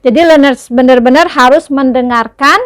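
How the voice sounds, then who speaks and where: Woman, young adult, high-pitched, English teacher, patient explaining, checks understanding. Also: normal speed, clean tone. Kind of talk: explaining lesson to viewers.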